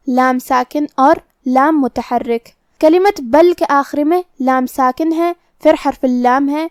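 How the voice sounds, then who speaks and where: A woman teaching Quran recitation, calmly explaining pronunciation rules and then reciting verses slowly with long held sounds. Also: high voice, no room sound, studio quality. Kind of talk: tajweed lesson with slow recitation.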